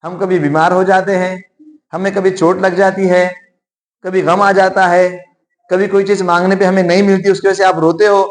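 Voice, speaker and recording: A man with a notably high voice leads a class of children. He explains, then repeats his questions and waits for the children to answer. His way of speaking is patient and encouraging, as in a classroom. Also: level tone, normal speed. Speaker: Quran teacher for children. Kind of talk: classroom teaching in call and response.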